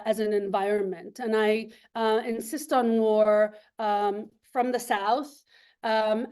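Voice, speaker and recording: A woman's voice: a little high, clear, resonant tone. A woman from Lebanon giving an academic seminar talk over a video call, thoughtful and full of ums and restarts.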